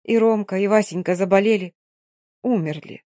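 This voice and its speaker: A woman's voice: mid-range voice, moderate pace, mellow, no room sound, lightly acted. Grieving, frightened young Romani woman, voiced by a woman reader; pleading and tearful, dry read.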